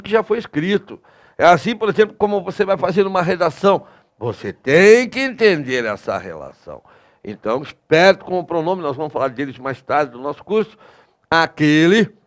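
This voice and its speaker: A man with a Brazilian Portuguese accent teaching grammar in a recorded lesson, emphatic and constantly checking in with his students. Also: high voice. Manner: lively, emphatic, addresses students with many tag questions.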